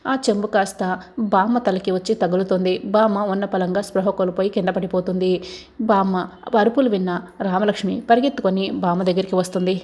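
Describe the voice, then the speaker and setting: A woman's voice: medium pitch, fairly even intonation, brisk, darkish tone. A woman narrating and retelling a family drama scene by scene, lightly voicing the characters' lines. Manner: retells the plot and voices quoted lines lightly. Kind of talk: storytelling recap of a TV serial.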